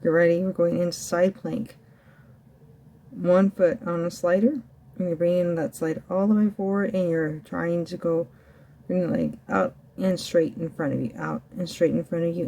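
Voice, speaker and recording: A woman's voice: fairly low pitch, steady tone, moderate pace, gravelly, mellow. A woman working as a fitness instructor, coaching a home ab workout while demonstrating the floor exercises herself. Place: indoors at home.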